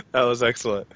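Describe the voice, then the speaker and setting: A man giving casual color commentary alongside a play-by-play caster. His voice is a touch lower than average. He chats about the match in a loose, conversational way and often restarts his sentences. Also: highs cut off, slight background noise. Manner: relaxed, chatty analysis with restarts. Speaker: esports co-caster.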